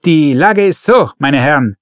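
Male narrator putting on a loud bullying Austrian colonel, pitched up, dry recording. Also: animated, measured pace, no echo. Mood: barking. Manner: blustering, mocking, barking. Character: loud brash boorish male police colonel.

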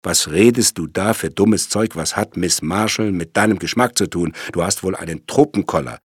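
A man's voice: low voice, fairly quick, a bit bright, slightly rough, no echo, clean studio sound. A man voicing an agitated male lawyer who speaks sharply and indignantly, often raising his voice. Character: stern, agitated male lawyer, the older-seeming twin.

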